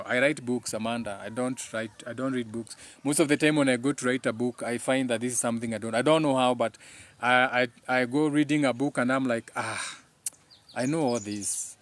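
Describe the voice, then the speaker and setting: The speaker is a Kenyan-accented man of medium pitch who grew up speaking Kikuyu. He runs a live talk casually, with an emphatic, sermon-like tone and frequent repetition of his own words.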